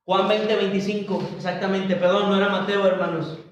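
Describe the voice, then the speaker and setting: A man preaching a Bible study sermon as pastor, slow and halting, often restarting and turning to address his congregation. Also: high voice, little pitch movement, a little hiss or hum. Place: church. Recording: roomy church hall, mic at a distance.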